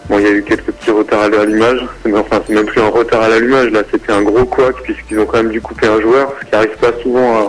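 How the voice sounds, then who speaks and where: A man's voice: on the low side, level tone, fast, few pauses, faint music behind, low-quality recording. A man calling in over the phone as a basketball consultant, giving casual sports analysis with many hesitations and restarts.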